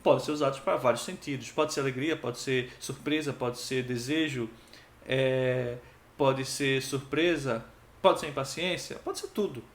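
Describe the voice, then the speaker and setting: A male teacher giving a grammar lesson, acting out each example with expressive tones. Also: mid-range voice, a little slow. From Pernambuco, Brazil. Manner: lively, acts out each interjection with expressive tone. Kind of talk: exam-prep grammar lesson. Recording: echoey room.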